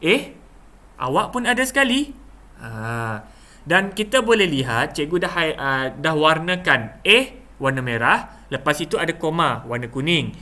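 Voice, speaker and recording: Animated Malaysian teacher, bright voice. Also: male voice, fairly high pitch, unhurried. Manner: repeats examples with exaggerated intonation, frequent fillers. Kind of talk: classroom lesson explanation.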